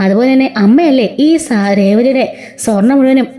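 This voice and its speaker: A woman's voice: sits high, fairly quick, mellow, lightly acted. A woman voicing an indignant young husband who defends his wife against his mother in a retold serial story, in her own voice. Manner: indignant, scolding.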